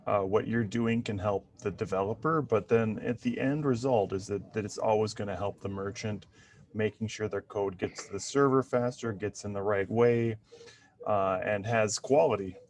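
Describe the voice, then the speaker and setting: A man's voice: lowish voice, darkish tone. A man hosting an interview podcast in casual, conversational talk. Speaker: podcast host.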